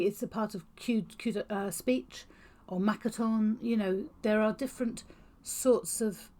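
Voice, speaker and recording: Woman explaining stuff to camera, talks fast, very clear mouth shapes. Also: mid-range voice, mellow. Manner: fast-talking, gestures a lot, exaggerated mouth movements. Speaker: educator on auditory processing. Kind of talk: informal explanatory talk to camera. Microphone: talking to camera on video.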